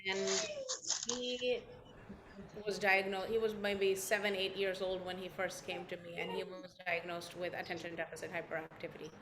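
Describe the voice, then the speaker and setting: A woman yoga teacher leading a workshop, telling a story in a gentle way and going soft and quiet when she repeats calming phrases. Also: fairly low pitch, moderate pace, noisy background. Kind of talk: workshop talk with guided repetition. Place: workshop room.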